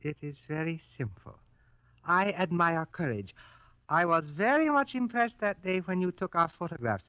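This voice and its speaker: Suave, arrogant colonel, grave wartime radio. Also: male voice, on the high side, sing-song, pushed and bright, dry recording. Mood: admiring. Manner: formal, measured, condescending. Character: suave, arrogant Japanese colonel, polite captor. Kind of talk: 1940s radio acting, grave war drama. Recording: muffled old 1940s radio recording.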